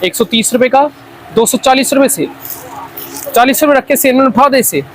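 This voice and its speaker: Casting: Pakistani male trader, high voice, insistent repetitive hard-sell patter, faint background noise. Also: normal speed, a bit bright, rough recording. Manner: repeats his lines insistently. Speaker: wholesale toy seller presenting stock. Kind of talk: unscripted hard-sell product pitch.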